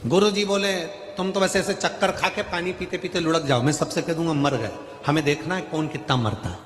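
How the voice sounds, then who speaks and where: A man's voice: on the high side, a little fast. A male preacher tells a parable in sermon style and acts out each character's lines in a raised voice. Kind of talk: sermon storytelling. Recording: echoey hall with faint music.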